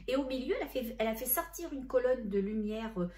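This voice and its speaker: Female medium, middle-aged, relaxed warm tone, conversational channeling monologue. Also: a little high, quick pace. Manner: chatty, self-correcting, relays spirit messages in gentle tones. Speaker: spiritual medium.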